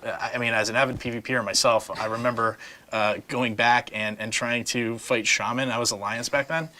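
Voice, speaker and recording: A man's voice: medium pitch, fairly even intonation, fairly quick, bright, forceful tone, a little hiss or hum. A middle-aged man on a panel, talking casually with many fillers and restarts and frequent laughs.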